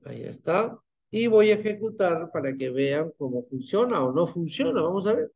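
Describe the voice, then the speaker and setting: A man's voice: fairly high pitch, sing-song, moderate pace, a little mellow. Man teaching an online class. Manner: patient, checks in with "¿ya?" and "¿ven?". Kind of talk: live online class, screen-share demo. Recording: muffled lo-fi online class audio.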